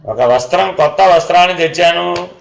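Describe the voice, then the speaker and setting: A man, a spiritual teacher, giving a Vedanta discourse. He chants Sanskrit verses slowly and asks questions that he answers himself. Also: high-pitched, creaky, reverberant, poor audio.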